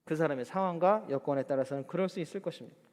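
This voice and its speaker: High-voiced male pastor in a reverberant hall. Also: very fast, a little mellow. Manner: rhetorical questions to the congregation; acts out quoted speech in a chatty voice. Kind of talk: sermon. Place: church.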